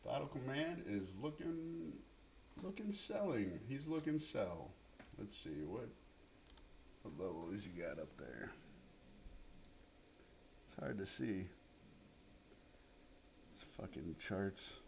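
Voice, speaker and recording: A man's voice: on the low side, sing-song, slow, vocal fry, long pauses, darkish tone, slight background noise. A man giving profane, mumbling running commentary on his live trading stream. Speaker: livestream day trader.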